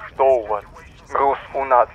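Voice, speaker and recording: A man's voice: medium pitch, steady tone, a little slow, highs cut off. A man talking over a walkie-talkie in a clipped radio-call manner.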